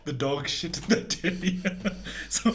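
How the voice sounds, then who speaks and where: A young man with a slightly raised pitch rambles through a story as a podcast co-host. He circles back, restarts his sentences and talks in a loose, chatty way. A faint hiss sits under his voice. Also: takes it slowly, fairly bright tone. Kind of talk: casual chat.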